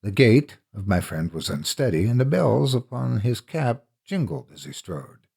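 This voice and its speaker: A man with a gravelly, husky voice reading a classic horror story as dramatic narration. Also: mid-range voice, sing-song, normal speed, darkish tone.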